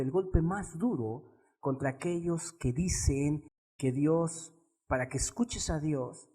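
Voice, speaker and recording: A man preaching a sermon, asking rhetorical questions and swinging between low murmurs and raised exclamations. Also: mellow, slightly rough.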